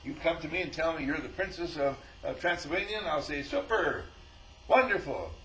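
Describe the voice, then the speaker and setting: Telling stories in an informal spiritual talk, this teacher speaks briskly in a fairly high voice, playing both parts of each dialogue and chuckling frequently. The man's rough recording has a little hiss or hum.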